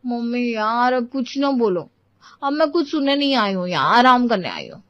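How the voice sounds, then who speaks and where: A woman's voice: on the high side, sing-song, normal speed, no echo, highs cut off. A woman voicing a lazy, sassy young married daughter in a storybook tale. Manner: sassy, bossy. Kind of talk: storybook voice acting.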